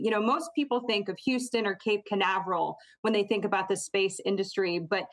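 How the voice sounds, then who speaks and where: A woman's voice: medium pitch, poor audio. An American woman conducting a conversational broadcast interview as a local TV journalist.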